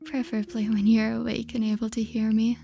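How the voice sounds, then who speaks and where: A woman acting as an affectionate, lonely girlfriend in a soft, intimate ASMR role-play of a late-night call. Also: fairly high pitch, little pitch movement, fairly quick, gravelly, faint music behind. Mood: gentle, sleepy tenderness. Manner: soft, tender, intimate, giggly.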